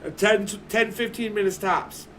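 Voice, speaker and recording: A man's voice: high-pitched, fairly even intonation, moderate pace, a bit bright. A man in his forties, a livestream host, chatting casually in a blunt, swearing manner. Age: 40s. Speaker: streamer. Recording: distant mic with background noise.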